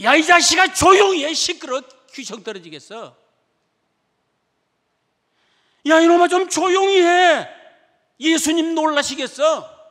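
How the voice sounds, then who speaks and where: A man voicing a harsh man in a crowd who scolds roughly and loudly, heard in a long church reverb. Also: extremely high pitch, lively intonation, normal speed, pitched above the performer's own voice, exaggerated voice. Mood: scolding.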